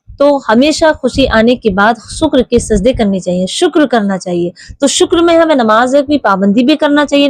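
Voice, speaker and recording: A woman's voice: a little high, a little mellow, dry recording. Woman giving an earnest religious talk, dry sound. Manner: earnest, addresses listeners as "dear" and "sister", recites Arabic prayers. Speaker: religious speaker. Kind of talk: religious talk to women listeners.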